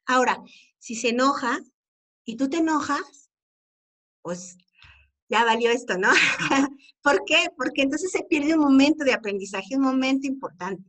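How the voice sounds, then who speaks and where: A woman's voice: high-pitched, lively intonation, normal speed, long pauses, fairly bright tone. A middle-aged Mexican woman giving an informal, earnest talk to parents, often asking rhetorical questions. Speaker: speaker on parenting and equality.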